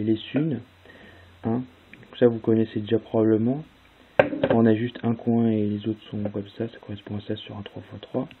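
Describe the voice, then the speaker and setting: Young male tutorial host, relaxed and chatty, reads out move sequences; lo-fi audio with faint hiss. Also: medium pitch. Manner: casual, spells out move sequences step by step with fillers. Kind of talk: casual tutorial explanation.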